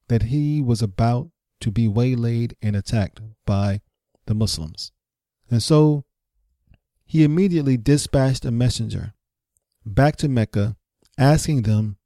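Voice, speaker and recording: A man narrates a history lesson like a story, musing aloud with rhetorical questions and asides. His tone is mellow and relaxed rather than bright. The sound is dry and close with no room around it. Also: medium pitch, no echo. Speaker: history teacher.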